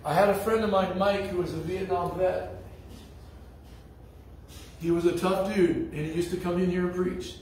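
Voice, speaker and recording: A man's voice: high-pitched, fairly even intonation, normal speed, pauses often, a little mellow, a little hiss or hum. A man preaching a sermon as pastor, telling stories in a blunt, folksy way. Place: church sanctuary. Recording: echoey church hall from far off.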